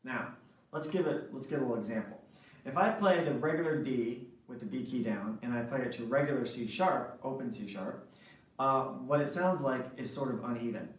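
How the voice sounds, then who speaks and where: Teaching saxophone fingerings, a man speaks at an ordinary middle pitch and explains patiently, often stopping to ask "right?" The recording is heavily echoey, with the mic placed well back from him.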